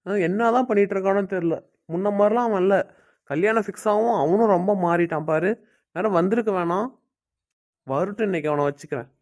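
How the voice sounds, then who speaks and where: A man playing a high-voiced easygoing young husband. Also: brisk, darkish tone. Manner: easygoing, talkative. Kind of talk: amateur family drama acting.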